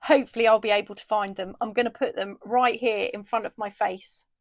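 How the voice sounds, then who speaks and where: In a casual update video, a craft shop owner from the UK unboxes items, growing excited at each one and noting that she's losing her voice. Her mid-range voice runs a little fast, there's no room sound, and her chatty, eager delivery is full of "ooh"s and fillers.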